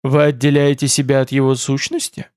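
A man's voice: medium pitch, flat delivery, fairly quick, a little mellow, clear, resonant tone, no echo, clean studio sound, natural voice. A man voicing a polite, curious lord of a nonhuman race, speaking formally. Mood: courteous.

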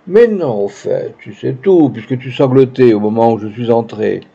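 A man's voice: medium pitch, animated, normal speed, gravelly, dark tone, husky. A man reading the lines of a young actress with pompous, gushing phrasing, in a dull lo-fi recording. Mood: scornful. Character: young woman, pretentious theatrical actress.

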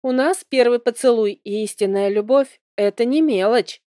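A woman's voice: a little high, normal speed, warm tone, dry recording, clean studio sound, natural voice. A woman reading aloud, voicing an eager, cheerful young man companion in an audiobook. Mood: earnest.

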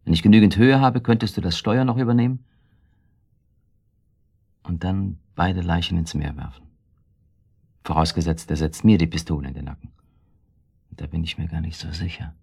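In this German radio play, a man portrays a husband who broods under the weight of guilt, his delivery halting and bitterly ironic. The voice is husky, gravelly, low-pitched and darkish, heavily acted, and he sounds wary.

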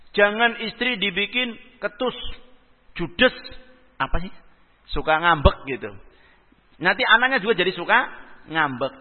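A man giving a religious lecture, preaching with lively swings between loud emphasis and soft asides, weaving in Arabic phrases. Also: sits high. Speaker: Islamic preacher. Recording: tinny phone-like audio in a reverberant hall.

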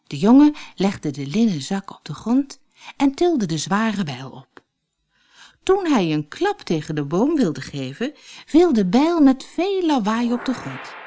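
A woman narrating a fairy tale for an audiobook in a slow, expressive reading style. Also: on the high side. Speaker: storyteller.

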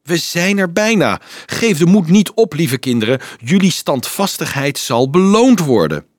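A man voicing an agitated male crusade leader who insists and pleads loudly with a crowd of children, in a storybook reading. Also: a little high, sing-song, unhurried, no room sound, clean studio sound, voice pushed up. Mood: pleading.

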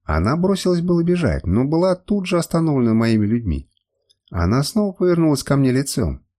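A man narrating an adventure audiobook in the first person with an expressive, dramatic reading. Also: fairly high pitch, fairly quick.

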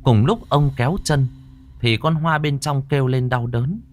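A man narrating a ghost story in a lively, dramatic way. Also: medium pitch, normal speed, slight background noise.

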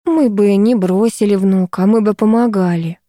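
A woman's voice: on the high side, moderate pace, gravelly, no room sound, studio quality, voice pushed up. A woman reading as a weary, blunt middle-aged mother. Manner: flat, cracked, matter-of-fact.

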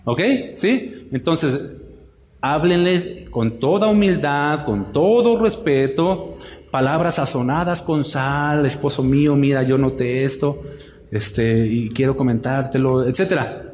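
A man's voice: medium pitch, takes it slowly, a little mellow, a little hiss or hum. A man preaching a sermon to women of his church, asking many rhetorical questions and acting out wives' voices. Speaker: pastor. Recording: echoey hall.

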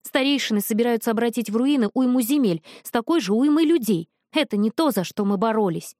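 A woman's voice: a little high, animated, fairly quick, darkish tone, no room sound, studio quality, natural voice. A woman voicing an insolent young sorceress who speaks with mocking disdain. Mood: scornful.

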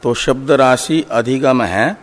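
Male Vedanta teacher, slow and deliberate explanation, long hall reverb. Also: medium pitch. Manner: slow, deliberate, recites Sanskrit then explains. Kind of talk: scriptural commentary lecture.

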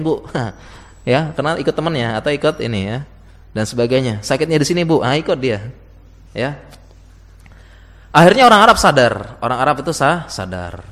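A man's voice: a little high, a bit bright. A man giving a chatty lecture to teachers, asking his audience questions and laughing often. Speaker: teacher giving a talk to Islamic school teachers. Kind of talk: casual lecture. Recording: long hall reverb.

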